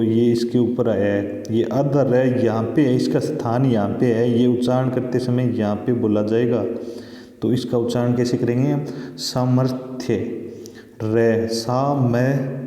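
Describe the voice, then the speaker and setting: A man teaches a school grammar lesson in a patient, explanatory way, repeating points and checking in with his class. His voice is very dark and mellow. The sound rings around a roomy hall with a long reverb tail. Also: mid-range voice, muffled recording. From India. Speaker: Hindi teacher. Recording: echoey room with long reverb.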